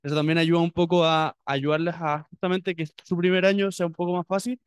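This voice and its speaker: A young Chilean man talks quickly and informally to prospective students, tripping over his words and restarting often. His voice is smooth and clear, a little higher than most men's, and sits in a dry, close sound. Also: flat delivery, dry recording. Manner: chatty, many restarts. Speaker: university student.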